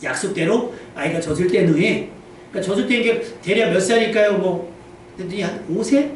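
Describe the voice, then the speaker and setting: A man preaching a lively, humorous sermon as pastor, acting out little quoted scenes. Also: high voice, a little fast. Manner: animated, humorous, acts out quotes. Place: church sanctuary. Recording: very echoey church hall, distant mic, faint noise.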